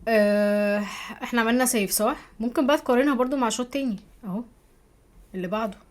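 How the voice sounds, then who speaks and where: An Egyptian woman teaching a software course over a screen recording, chatty, often checking in with her viewers. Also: on the high side, quick pace. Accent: Egyptian Arabic. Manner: chatty, keeps asking "تمام؟", thinks aloud while clicking.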